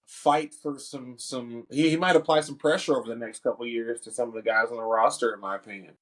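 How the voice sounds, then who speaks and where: A man's voice: mid-range voice, steady tone, quick pace, fairly bright tone. Slangy young man on a sports podcast. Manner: loose, slangy, lots of fillers. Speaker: podcast co-host. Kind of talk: casual sports chat.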